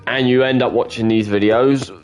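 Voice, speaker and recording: A man's voice: mid-range voice, steady tone, moderate pace, clean tone, faint music behind. A young man hosting a casual gaming video, lecturing in an emphatic, repetitive way. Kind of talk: casual let's-play commentary.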